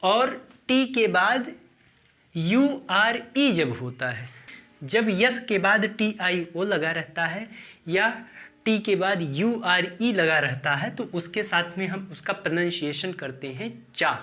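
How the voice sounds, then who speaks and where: A man's voice: high voice, lively intonation, pushed and bright. A man from India teaching English pronunciation in a lesson, repeating each word and asking the listener questions as he goes. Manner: slow, repeats words and quizzes the listener. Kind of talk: classroom-style lesson at a board.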